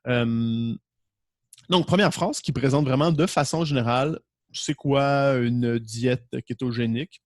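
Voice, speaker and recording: A man with a Québécois French accent teaches an online class from a home setup with a green screen. His voice carries a gravelly, creaky edge over a dry, close sound. He talks loosely, jokes around and keeps restarting his words. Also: mid-range voice, no echo. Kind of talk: casual online class lecture.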